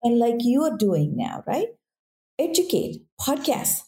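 A woman with a non-native English accent is a guest in a casual interview, speaking earnestly and repeatedly checking in with "right?". Her voice is fairly high and mellow, sing-song, and a little slow.

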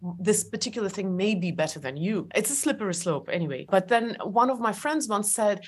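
A woman's voice: mid-range voice, expressive, a little fast, slightly rough. A woman with a manner, an author and coach reflecting in conversation, laughing often and restarting phrases. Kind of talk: conversational interview.

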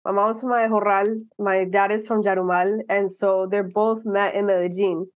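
Earnest, animated woman in her thirties. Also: medium pitch, normal speed, no room sound. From Miami, United States. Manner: earnest, animated, with frequent restarts and laughs. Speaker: guest. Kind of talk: casual interview conversation.

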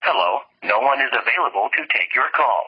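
A man's voice: mid-range voice, animated, a little fast. A man's recorded answering machine greeting, played back over a landline phone. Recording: husky lo-fi phone line.

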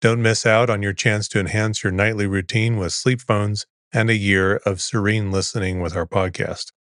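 A man reads as a sleep podcast host in a low-pitched voice. His delivery is soothing, calm and unhurried, clearly scripted. The sound is dry, with no room around it. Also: no echo.

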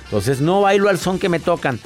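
A man's voice: high-pitched, sing-song, fairly quick, faint music behind. A man hosting a radio call-in show, chatting playfully and acting out little dialogues. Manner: playful, laughing, acts out dialogues. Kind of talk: radio call-in chat and advice. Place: radio studio booth.

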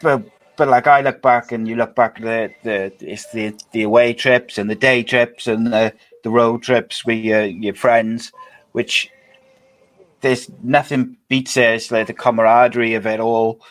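A man's voice: mid-range voice, flat delivery, a little slow, no room sound, low-quality recording. A man, interviewing in an informal, conversational way as a podcast host. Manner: informal, frequent "like" and tag questions.

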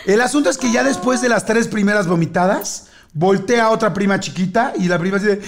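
A man with a Mexican Spanish accent, a podcast host telling a family story in casual chat, acting out voices with shouts and laughter. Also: high-pitched, brisk.

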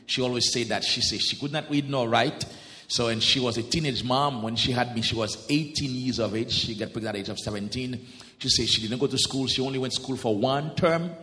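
A man's voice: mid-range voice, fairly quick, pushed and bright, in a large hall. A man in his late thirties from Haiti, a guest pastor telling his life story in church. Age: 30s. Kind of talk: interview testimony in church.

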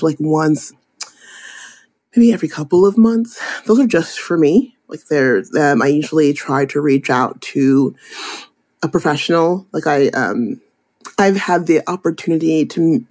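A young adult woman, a photographer and attorney, chatting animatedly in an interview and acting out little scenes. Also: sits low. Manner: animated, chatty, acts out voices in anecdotes. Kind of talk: casual interview storytelling.

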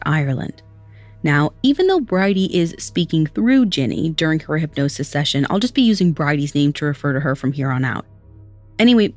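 A woman's voice: fairly low pitch, darkish tone, no room sound. Woman narrating a true story. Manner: measured storytelling delivery. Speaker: podcast narrator. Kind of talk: scripted narration.

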